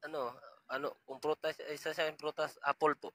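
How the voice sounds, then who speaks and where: A man's voice: a little high, level tone, a little fast, fairly bright tone, dry recording, low-quality recording. A man from Mindanao with a Visayan accent, talking politely and hesitantly as a caller on a matchmaking show. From Mindanao, Philippines. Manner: polite and hesitant, full of fillers. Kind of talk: casual chat.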